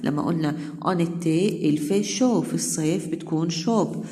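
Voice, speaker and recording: A woman leads a French lesson in a somewhat low, mellow voice. She says each French phrase slowly and clearly, then rushes through the explanation. A long reverb trails after her words. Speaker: French teacher. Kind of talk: bilingual language lesson.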